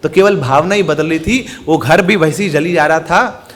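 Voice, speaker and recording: A male preacher giving an animated sermon, telling a parable and explaining its lesson. His voice sits high for a man. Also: moderate pace, a little hiss or hum. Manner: animated storyteller, explains morals. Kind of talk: sermon with storytelling.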